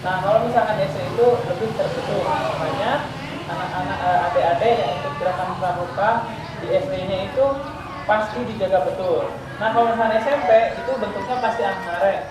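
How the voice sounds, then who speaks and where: A man's voice: high voice, fairly quick. Young male teacher in echoey room. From West Java, Indonesia. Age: 20s. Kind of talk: casual school talk. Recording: echoey room, distant mic, noisy.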